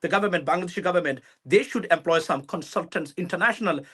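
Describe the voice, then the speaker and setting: A man interviewing a guest conversationally, halting as he searches for words and repeats himself. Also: high-pitched, a bit bright, husky.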